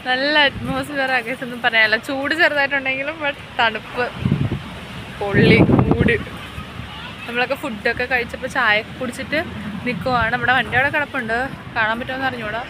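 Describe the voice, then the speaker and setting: A woman chatting casually to camera as a travel vlogger, mixing English slang into her Malayalam. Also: on the high side. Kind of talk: casual vlog chat to camera. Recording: noisy outdoor vehicle and street ambience.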